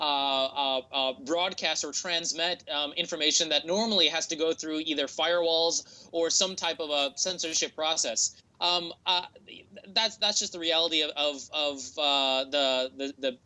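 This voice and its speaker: This man speaks at a fairly high pitch with a bright, forceful tone, captured in a rough recording. He's a tech entrepreneur appearing as an interview guest, explaining in a standard American accent and frequently hesitating and repeating words as he works through his thoughts.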